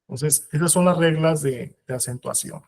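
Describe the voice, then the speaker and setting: A man with a Mexican Spanish accent teaching a legal writing course, pausing often with fillers and restarting his sentences. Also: on the high side, darkish tone. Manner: halting, many fillers and restarts. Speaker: instructor. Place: training course room.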